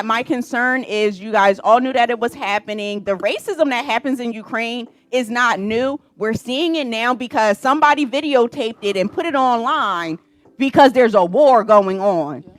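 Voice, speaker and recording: Woman, panelist, pointed and animated, dry close voice, slightly high. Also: no echo. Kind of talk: casual panel chat.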